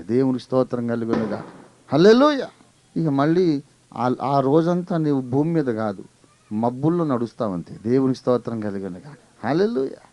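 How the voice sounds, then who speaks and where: A man's voice: medium pitch, a little mellow, no echo. A male pastor preaching a fervent sermon, telling stories and rising into exclamations of praise.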